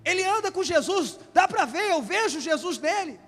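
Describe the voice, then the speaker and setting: A man preaching a sermon as a bishop, impassioned and often shouting in a church hall. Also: very high-pitched, expressive, moderate pace. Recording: long hall reverb.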